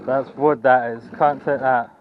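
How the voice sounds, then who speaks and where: A man's voice: mid-range voice, fairly even intonation, unhurried. A British man working as a scrap collector, chatting casually with customers outdoors. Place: outdoors on a street. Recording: tinny narrow sound, faint vehicle noise.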